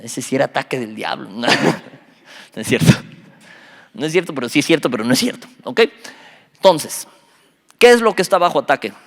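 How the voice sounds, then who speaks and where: A man, a youth pastor teaching a Bible study, animated and joking, quizzing his listeners. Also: medium pitch, vocal fry. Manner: animated, quizzes the audience, jokes. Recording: reverberant hall.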